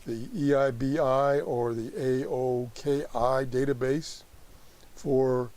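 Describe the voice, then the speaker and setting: A man giving a casual live app tutorial as host, haltingly thinking aloud as he works through it. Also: mid-range voice, dark tone. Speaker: host demonstrating a radio app.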